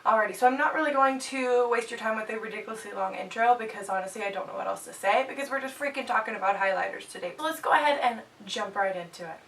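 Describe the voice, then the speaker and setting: A twenty-something woman reviewing products on her beauty channel sounds congested but stays bubbly and chatty, adding playful asides. She speaks high, in a pushed, bright voice. The recording picks up faint hiss from a slightly distant mic.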